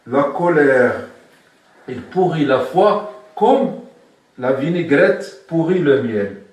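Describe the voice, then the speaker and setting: A man's voice: on the high side, animated, takes it slowly, darkish tone. A man giving a spoken religious lesson as a sheikh, asking his listeners questions and repeating his key points. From Morocco. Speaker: sheikh teaching Sufism. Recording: very echoey room, from far off.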